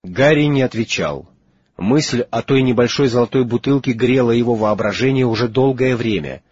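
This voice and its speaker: A man reading an audiobook in steady, measured narration. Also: mid-range voice, slightly rough, no echo. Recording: slightly dull lo-fi recording.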